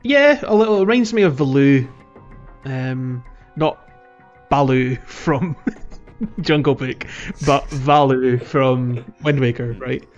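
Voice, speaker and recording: Lively intonation marks this podcast host's mid-range voice as he speaks slowly, chatting casually and jokily about games and chuckling often. The sound is slightly muffled, with background music beneath.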